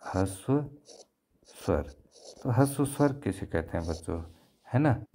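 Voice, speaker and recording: A man's voice: lowish voice, lively intonation, dark tone. A man teaching a grammar lesson to children, repeating each point and asking questions that he then answers himself. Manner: slow, repetitive, asks and answers own questions. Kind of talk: classroom lesson explaining grammar.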